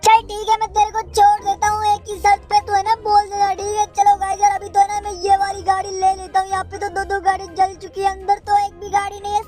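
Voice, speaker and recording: Brief: man doing a shrill, flat, bossy gang-boss cop voice, game commentary. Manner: bossy, threatening. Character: bossy male police gang leader, threatening. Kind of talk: gameplay commentary role-play. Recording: loud background game music.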